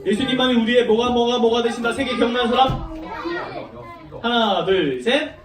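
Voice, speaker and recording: A woman giving a lively sermon to young children, asking them questions and acting out the story. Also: on the high side, moderate pace. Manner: animated, questions children, acts out voices. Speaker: children's Sunday school preacher. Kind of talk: children's sermon with call and response. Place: large church hall. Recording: roomy echo, distant mic.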